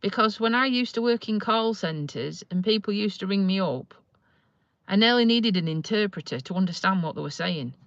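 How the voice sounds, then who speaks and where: Her medium-pitched voice is expressive and moves at a moderate pace, recorded dull with no room sound. A slightly Yorkshire-accented woman from Lincolnshire, England, she's live-streaming from a parked car, chatting and rambling to viewers in a self-deprecating way.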